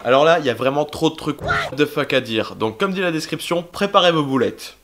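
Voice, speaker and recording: A man's voice: fairly high pitch, lively intonation, a little fast, heavy background noise. A man co-hosting a comedy web show, presenting casually in colloquial, joking talk. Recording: music clearly behind.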